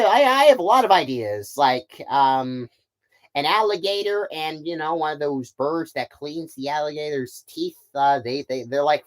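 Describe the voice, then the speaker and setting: A man chatting casually on a live stream, rambling with many stammering restarts. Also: medium pitch. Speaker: puppet channel creator.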